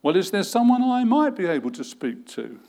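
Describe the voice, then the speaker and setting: Sex: man. Figure: a man doing an anxious company boss on the phone. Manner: insistent questions, raised, higher and louder than his own voice. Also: big pitch swings, normal speed. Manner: pressing, increasingly anxious questions.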